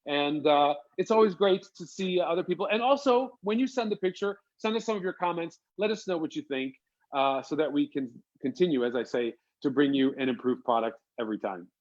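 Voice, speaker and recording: A man's voice: on the high side, fairly quick. A man hosting a casual live stream as a wig designer, upbeat and laughing often. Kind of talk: casual livestream chat. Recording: dull lo-fi sound.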